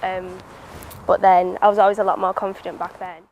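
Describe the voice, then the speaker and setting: A woman's voice: medium pitch, level tone, fairly quick, dull audio, a little hiss or hum. A young woman in her late teens from Teesside, speaking casually and thoughtfully in a documentary interview. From Teesside, England. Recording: music playing under the voice. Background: background music.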